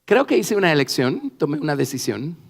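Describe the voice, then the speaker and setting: A man's voice: on the high side, sing-song, a little fast, vocal fry, breathy edge. A man speaking in church as an interpreter, in the style of prayer and sermon. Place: large church hall. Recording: reverberant church hall, faint music.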